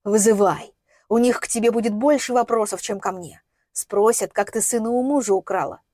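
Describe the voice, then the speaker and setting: A woman's voice: medium pitch, fairly even intonation, moderate pace, warm tone, no echo, clean studio sound, natural voice. Woman reading as a desperate father, pleading. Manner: strained, pleading outbursts. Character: desperate middle-aged man searching for his missing daughter.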